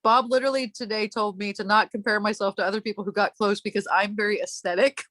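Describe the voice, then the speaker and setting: A woman's voice: medium pitch, fairly even intonation, fast talker, fairly bright tone. A woman hosting a casual chat, telling a long story in a rambling way, breaking off and laughing often. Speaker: podcast host.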